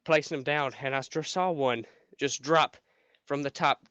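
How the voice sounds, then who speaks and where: A man telling a rambling, profane anecdote in a deadpan way, in a muffled, dry recording. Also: medium pitch, moderate pace, clear, resonant tone, no room sound. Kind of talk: casual spoken anecdote.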